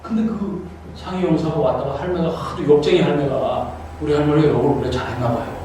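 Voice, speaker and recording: A man's voice: fairly high pitch, fairly even intonation, fairly quick, warm tone. A middle-aged man giving a humorous guest lecture full of anecdotes, playfully teasing the audience. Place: auditorium. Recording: echoey hall from far off, noisy.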